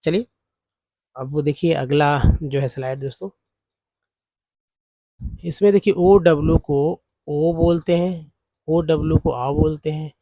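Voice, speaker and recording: Man, English phonics teacher, fairly high voice, dry close sound. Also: steady tone, mellow, no room sound. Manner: explains word parts slowly, often pausing with "है ना". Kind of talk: slide-based phonics lesson.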